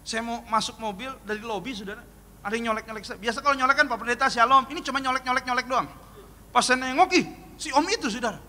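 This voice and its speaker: A man, a pastor, preaching an animated sermon and telling joking stories full of acted-out dialogue. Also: very high-pitched, fast talker. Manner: animated, joking, acts out dialogue in his story. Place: church hall. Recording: long hall reverb, faint noise.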